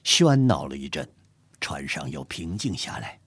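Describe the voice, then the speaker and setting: Sex: man. Style: storybook narration. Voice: husky, dry close sound, very lively pitch. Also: a little slow, no echo. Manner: expressive, dramatic reading.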